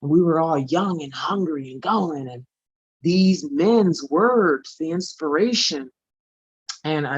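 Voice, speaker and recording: A woman's voice: extremely low pitch, dry recording, highs cut off. A woman in her forties giving an earnest motivational talk as a spiritual coach, often repeating phrases for emphasis. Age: 40s.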